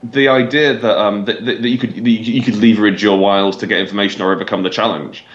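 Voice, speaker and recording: A man chatting casually as a game master, rambling with many restarts and quick laughs. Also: lowish voice, fairly even intonation, muffled recording. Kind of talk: casual podcast chat. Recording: roomy echo.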